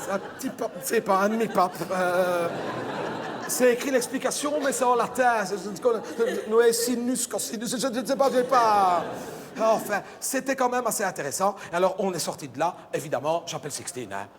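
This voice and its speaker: A man's voice: sits high, lively intonation, normal speed, a crowd in the background. A man playing a chatty, gossipy middle-aged mother, rambling through a comic monologue. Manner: chatty, rambling, punchline-driven. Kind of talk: stand-up character monologue. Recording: live hall with reverb and audience noise.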